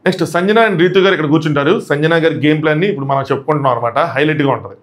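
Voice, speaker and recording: A man giving live commentary on a reality show, retelling events animatedly and acting out what people said. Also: a little high. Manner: rapid animated retelling that acts out quotes.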